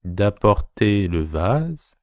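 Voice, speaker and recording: A man's voice: lowish voice, big pitch swings, extremely slow, darkish tone, dry recording, studio quality. A man dictating a text as a teacher, phrase by phrase, repeating each short phrase and speaking the punctuation aloud.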